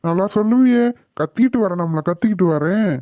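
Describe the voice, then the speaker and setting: Cartoon: woman as a grumbling village man, scolding, mellow tone, dull dry lo-fi recording. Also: medium pitch, fast talker, close to an everyday voice. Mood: angry. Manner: scolding, complaining. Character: grumbling adult village man, quick to anger. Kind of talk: cartoon voice acting.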